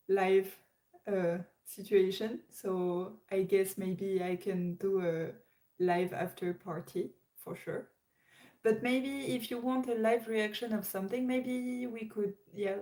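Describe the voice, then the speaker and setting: A woman's voice: medium pitch, dark tone, poor audio. A young woman with a French accent hosting a casual livestream chat, hesitant with many fillers and restarts. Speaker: livestream host.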